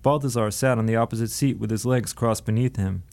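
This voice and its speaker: A man, the author, reading his novel aloud on a radio program in a steady storytelling manner. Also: fairly low pitch, fairly quick, creaky. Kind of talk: audiobook narration.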